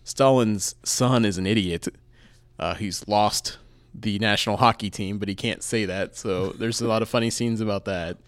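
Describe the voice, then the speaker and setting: Male podcast co-host, low voice, dry close sound, relaxed film chat. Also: moderate pace, clean tone, dry recording. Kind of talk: casual film review chat.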